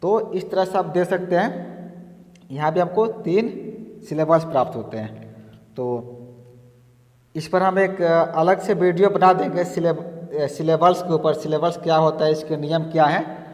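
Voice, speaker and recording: A male teacher giving an exam-prep lesson, explaining step by step and repeating points. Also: on the high side. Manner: slow, explaining step by step with repetitions. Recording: long reverb.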